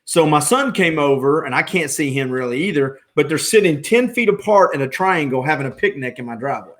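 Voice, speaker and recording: A middle-aged man hosts a relaxed podcast interview, his voice sitting a little high for a man. He rambles and breaks off mid-thought, starting sentences over. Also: brisk. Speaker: podcast host. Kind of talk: casual interview chat.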